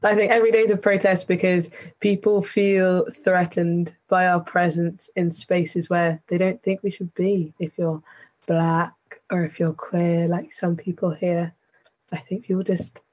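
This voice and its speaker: A woman's voice: lowish voice, little pitch movement, unhurried, darkish tone, low-quality recording. An eighteen-year-old woman speaking earnestly and directly as a panelist. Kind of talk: panel discussion.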